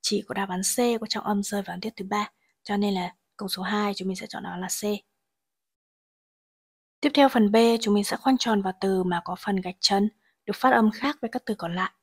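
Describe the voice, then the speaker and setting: Breathy lady teacher walking through english test answers, middle pitch. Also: steady tone. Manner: reads English sentences slowly, then translates. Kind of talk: explaining exam answers.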